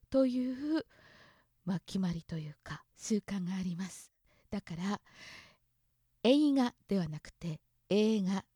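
Woman with a mellow, dry voice. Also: mid-range voice, no echo. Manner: drawn-out vowel demonstrations. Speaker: language explainer. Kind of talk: casual explanatory talk.

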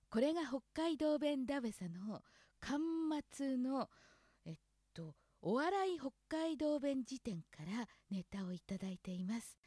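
A woman's voice: on the high side, dark tone, dry recording, clean studio sound. A woman from Hokkaido hosting a casual spoken lesson on local dialect words, thinking aloud and questioning herself as she goes.

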